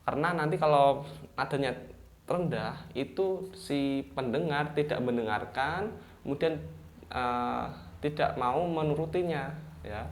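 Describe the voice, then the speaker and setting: A man teaching young pupils an online lesson, speaking with a Javanese-influenced Indonesian accent, explaining step by step with frequent checking words and acting out example commands. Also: medium pitch. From East Java, Indonesia. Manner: explains slowly with repeated "ya" and "nah" checks; demonstrates example sentences with raised intonation. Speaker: primary school teacher.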